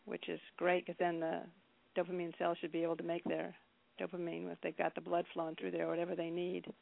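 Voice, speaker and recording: A woman in her fifties calling in to a talk show, rambling with halting restarts. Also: lowish voice, completely flat delivery, creaky. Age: 50s. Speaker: caller. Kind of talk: casual phone chat. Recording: dry phone line.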